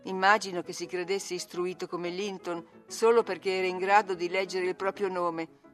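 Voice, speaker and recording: A woman narrating a classic novel as an audiobook reader, measured and expressive. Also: fairly low pitch, soft background music.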